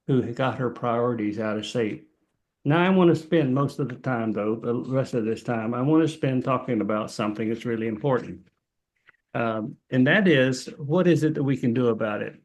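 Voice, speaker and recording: A man teaching a Bible class in a sermon style, earnest, repeating key phrases for emphasis and pausing often. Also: mid-range voice, darkish tone.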